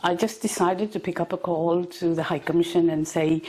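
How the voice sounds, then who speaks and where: A woman in her sixties from Sri Lanka, a company founder answering interview questions with many ums and pauses. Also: on the low side, steady tone, darkish tone. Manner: hesitant, many ums and uhs. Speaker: food company founder, guest.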